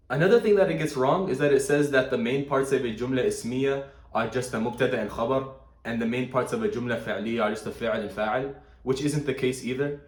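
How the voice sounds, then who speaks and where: A man with a mid-range voice talks quickly through an Arabic grammar lesson. He reads answers aloud and corrects them, dropping easily into Arabic terms. His voice rings out in an echoey room. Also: mid-range voice. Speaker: Arabic language teacher. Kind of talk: casual explanatory commentary.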